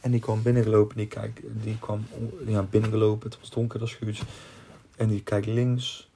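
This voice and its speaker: A man's voice: lowish voice, little pitch movement, normal speed, mellow, slight background noise. A young man hosting a podcast, telling personal stories casually, rambling and restarting sentences, with casual swearing. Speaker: podcast host.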